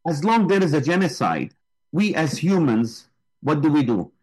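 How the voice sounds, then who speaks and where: A man's voice: on the high side, sing-song, normal speed, a little mellow, low-quality recording. A man, a guest speaking with passion and emphasis in an interview. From Gaza. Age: 60s. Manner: impassioned, emphatic. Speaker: guest, flotilla volunteer. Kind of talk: interview answers.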